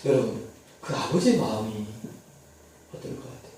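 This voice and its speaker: A male pastor telling a sermon story dramatically, swinging from hushed to loud. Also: lowish voice, sing-song, moderate pace. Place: church sanctuary. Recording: echoey church hall, distant mic.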